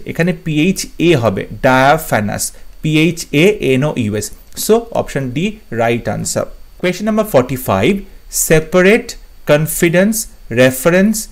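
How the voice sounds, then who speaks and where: A man teaching English spelling to exam students, spelling words out letter by letter and repeating the key ones. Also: on the high side.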